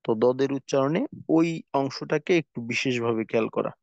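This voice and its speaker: A creaky, darkish mid-range voice on a dry recording belongs to a tajweed teacher giving a recorded class. He slowly explains Quran letter pronunciation step by step, then demonstrates the sounds in repeated drills. The audio is dull and lo-fi.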